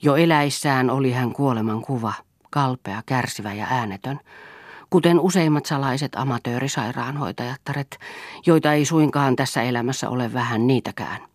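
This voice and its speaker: A woman reading the part of a brooding, self-mocking older man in a low, quiet, reflective voice. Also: no echo, studio quality.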